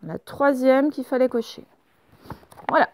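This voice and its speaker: A woman gives a reading lesson to young children, saying words slowly and clearly and spelling out sounds. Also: high-pitched, darkish tone. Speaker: teacher.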